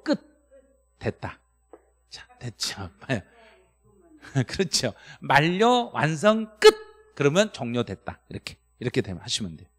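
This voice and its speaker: Animated male lecturer, swooping pitch. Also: long reverb tail. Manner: animated, jumps to high excited pitch on key words, quizzes the chat. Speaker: real estate tax law instructor. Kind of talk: lively live-stream exam lecture.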